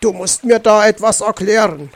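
A man's voice: high voice, moderate pace, voice pushed up. A man voicing a grumpy, stingy male fox uncle in a children's audiobook, talking in an indignant grumble. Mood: grumbling.

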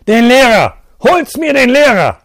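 A man voicing a hot-tempered village pastor, husky and shouting in rage. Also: medium pitch, expressive, moderate pace, dry recording, clean studio sound, pitched above the performer's own voice. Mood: furious shouting.

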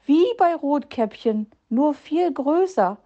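A little bird chick chants fairy-tale lines in a high, slow singsong, as a woman reading a storybook puts him on. Its voice comes out soft and mellow. The recording sounds dull and lo-fi. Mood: excited.

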